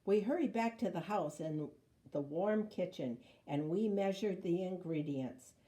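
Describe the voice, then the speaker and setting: A woman reading a children's story aloud in an expressive, dramatic way, drawing out words. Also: lowish voice. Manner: dramatic, with drawn-out words and sound words. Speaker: storybook reader.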